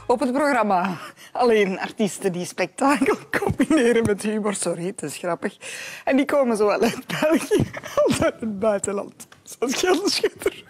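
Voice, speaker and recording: A woman's voice: on the high side, very animated, moderate pace, husky. A woman presenting a programme while trying to stifle her giggles. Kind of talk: scripted programme presentation breaking into laughter.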